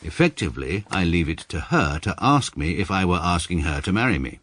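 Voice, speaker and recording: For a radio comedy drama, an English actor plays a stiff, pedantic middle-aged barrister, narrating in a dry, clipped, deadpan style. His voice is deep and his delivery a little fast.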